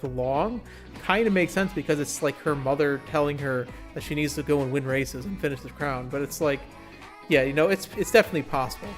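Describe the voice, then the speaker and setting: Rambling, chuckling male game streamer. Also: on the high side. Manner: rambling, chuckling, filler-heavy. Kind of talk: casual game commentary.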